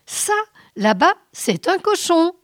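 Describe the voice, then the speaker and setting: Woman voicing a hot-tempered male skipper, raised pitch, exasperated, dry booth. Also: animated, a little slow, dry recording. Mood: indignant. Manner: insistent, exasperated. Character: gruff male ship captain, stubborn and quick-tempered.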